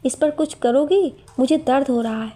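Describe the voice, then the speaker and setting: A woman's voice: high-pitched, moderate pace, warm tone. Woman voicing a whiny, accusing young man. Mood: complaining. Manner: complaining, demanding.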